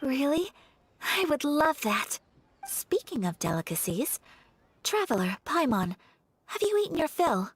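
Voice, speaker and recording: A woman's voice: sits high, very animated, a little slow, long pauses. A woman voicing a gracious, elegant young noblewoman with formal, courteous phrasing in a video game.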